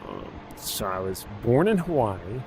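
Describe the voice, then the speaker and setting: A man in his thirties talks in a low, easygoing voice, drifting from thought to thought with plenty of ums and restarts. A steady hum sits clearly under his speech. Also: measured pace. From Alaska. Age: 30s. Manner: rambling, laid-back, many fillers and restarts. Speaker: gaming streamer. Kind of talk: casual live-stream chat while playing.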